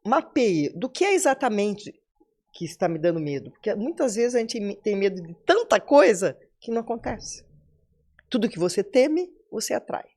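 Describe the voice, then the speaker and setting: A Brazilian woman in her seventies, speaking with a Brazilian Portuguese accent, gives a motivational talk as a podcast guest. Her voice is mid-range with a darkish tone, and she speaks directly to the listeners.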